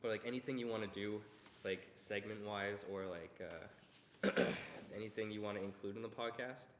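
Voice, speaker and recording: Echoey, low-voiced young man on a podcast. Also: normal speed. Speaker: podcast co-host. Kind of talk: casual unscripted podcast chat. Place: indoor room, around a table. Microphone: one shared mic on a table. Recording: echoey roomy shared mic, noisy.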